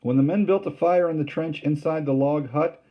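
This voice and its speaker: A man's voice: a little high, normal speed, dull audio. A man reading a novel aloud to a class and explaining passages in a plain, casual tone. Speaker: teacher.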